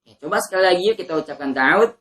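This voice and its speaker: Woman Quran teacher, bright lowish voice, patient drills, slow chanted recitation. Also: expressive. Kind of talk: teaching letter pronunciation to learners.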